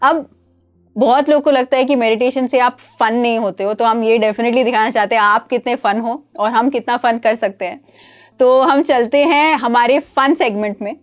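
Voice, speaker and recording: A woman's voice: fairly high pitch, moderate pace, faint music behind. A woman hosting a casual show, mixing English phrases into her Hindi and running guests through games. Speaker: show host.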